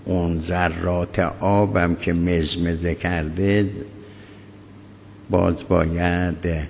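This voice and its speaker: A man, a cleric, teaching a religious law lesson in a measured, halting way with many pauses and fillers. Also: low-pitched, level tone, vocal fry, a little mellow, slight background noise. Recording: echoey hall, faint ambience.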